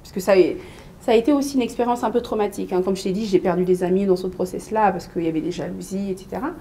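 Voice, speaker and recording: Guest, thirties woman from Mali; loose conversational delivery, stops and restarts, warms into storytelling. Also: mid-range voice, quick pace, a little hiss or hum. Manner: hesitant, many fillers and restarts, lively storytelling. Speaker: interview guest, business coach. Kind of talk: casual conversational interview.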